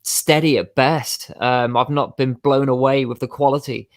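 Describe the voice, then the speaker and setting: A man giving blunt, opinionated takes on a football panel. His voice is mid-pitched and the recording is dry, with no room sound. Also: fairly even intonation, normal speed, no echo. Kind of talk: casual football discussion.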